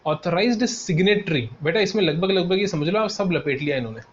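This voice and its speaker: A man's voice: sits high, lively intonation, quick pace. A male tutor giving a classroom lecture. He calls students "beta", answers his own questions in a student's voice, and repeats key terms. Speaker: CA exam tutor. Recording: dull lo-fi sound with faint noise.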